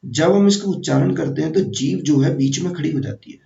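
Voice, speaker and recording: A man teaching an exam-prep grammar lesson, repeating terms slowly and quizzing the viewer. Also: on the high side, vocal fry, mellow. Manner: slow, repetitive, quizzing the viewer. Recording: echoey, distant, dull room sound.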